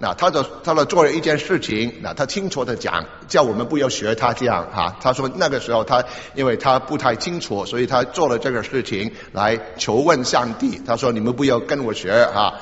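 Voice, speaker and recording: An older man preaches a storytelling sermon, his pitch animated and roaming widely. He halts and repeats words as he goes, and breaks in with small interjections. The sound is dull and lo-fi, with a long hall reverb behind it. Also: a little fast, few pauses. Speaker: pastor.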